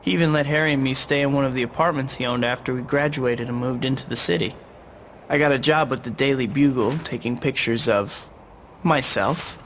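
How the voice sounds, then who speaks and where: A man's voice: mid-range voice, fairly quick, a little hiss or hum, lightly acted. A young American man playing an earnest, brooding young superhero, solemnly delivering scripted game narration and dialogue. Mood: reflective. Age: young adult. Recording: loud music behind the voice.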